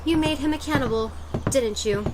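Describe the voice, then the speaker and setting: A woman's voice: high-pitched, normal speed, noisy background, natural voice. A woman acting a wry, pragmatic wasteland survivor in a comic audio drama.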